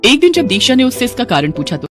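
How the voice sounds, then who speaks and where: A woman narrating a dramatic story in an expressive, scripted way. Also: on the high side, fast, music in the background.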